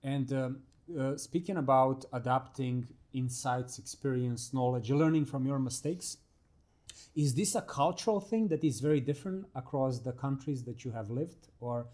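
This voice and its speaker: Animated man from Croatia co-hosting. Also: medium pitch, moderate pace. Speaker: podcast co-host. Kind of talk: conversational interview.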